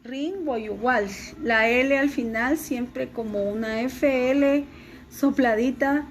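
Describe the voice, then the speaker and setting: A woman teacher giving a recorded class lesson, speaking slowly and deliberately and spelling out pronunciation for her students. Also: high voice, steady tone, slight background noise. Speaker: language teacher.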